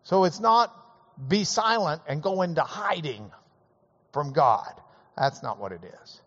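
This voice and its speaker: A man teaches a Bible class in a lively, swooping voice, slow and deliberate, with a husky edge. The sound is dull and lo-fi, with a long hall reverb around him. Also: a little high. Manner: animated, conversational, folksy asides.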